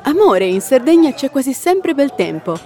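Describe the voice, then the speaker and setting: A woman playing a teasing partner in a scripted language-course dialogue, speaking slowly. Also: sits high, very animated, a little mellow. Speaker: dialogue actor.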